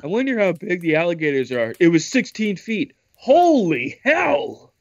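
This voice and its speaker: A man hosts a podcast in loose casual chat, cracking jokes. His voice sits a little high. It comes through a computer mic on a call, dry and lo-fi. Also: very animated, fairly quick, no echo. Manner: joking, does mock voices. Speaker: podcast host. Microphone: computer mic on a Skype call. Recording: dry, dull lo-fi call audio.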